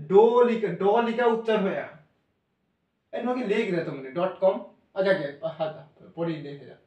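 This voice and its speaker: A male teacher with a notably high voice steps through a lesson, spelling out letters one by one and putting questions to the class that he then answers himself. He sits back from the microphone, so the sound is thin and distant, and it rings around an echoey room. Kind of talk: classroom-style lesson explanation. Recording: echoey room, voice away from mic.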